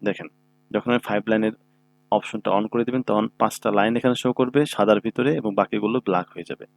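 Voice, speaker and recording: Man, computer tutorial, low-pitched, patient step-by-step, checks in often, mains hum. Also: fast, creaky. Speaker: computer instructor. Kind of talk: screen-recorded software tutorial. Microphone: own microphone.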